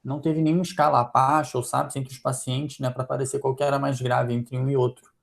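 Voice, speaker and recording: A man's voice: medium pitch, little pitch movement, a little fast, creaky. A man with a Brazilian Portuguese accent, a physician presenting a journal club critique, thinking aloud with frequent fillers.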